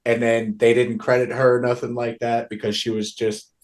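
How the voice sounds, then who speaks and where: A man in his own plain mid-range voice talks easily about making his album. He leans on slang and swear words and keeps checking in with "you know what I mean". His delivery is relaxed and conversational. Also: medium pitch, moderate pace. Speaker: guest musician. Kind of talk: casual music chat.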